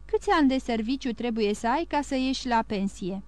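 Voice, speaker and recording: A woman reading the Count, a calm ironic nobleman. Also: on the high side, dry recording, lightly acted. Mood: probing.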